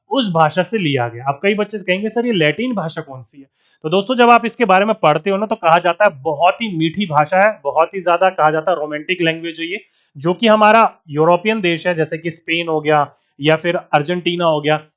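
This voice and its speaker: Brief: a man as a high-pitched Hindi coaching teacher with a faint Bihari accent, quizzing his class as he goes. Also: fairly bright tone. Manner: addresses students as friends, asks and answers his own questions. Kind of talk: online exam-prep lecture.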